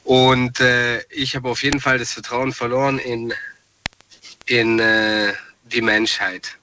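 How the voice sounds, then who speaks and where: A man's voice: medium pitch, flat delivery, takes it slowly. A man from southwest Germany calling in to a radio show over the phone, thoughtful and hesitant. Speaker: caller. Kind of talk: call-in radio chat. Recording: distant phone line with hiss.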